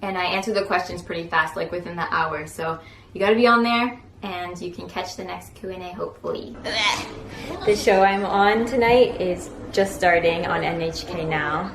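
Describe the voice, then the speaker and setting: A woman's voice: on the low side, normal speed, over music. A young adult woman vlogging at home in a casual, chatty way, with lots of "like" fillers. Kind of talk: casual vlog chat. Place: home, indoors. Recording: roomy echo, distant from mic, faint noise.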